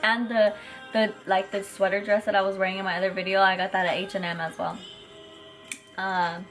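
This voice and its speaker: Young california girl vlogging at home, excited chatty rambling, faint music behind. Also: mid-range voice, fairly quick. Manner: chatty, excited, lots of fillers and retold quotes. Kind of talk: casual chat.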